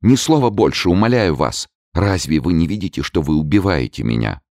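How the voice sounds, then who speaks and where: Young woman in anguish voiced by a man, audiobook, fervent pleading, raised pitch, wide swings, gravelly edge. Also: big pitch swings, brisk, a little mellow, no room sound, studio quality. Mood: pleading desperate. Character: young woman, desperate lover pleading with king. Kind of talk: audiobook reading.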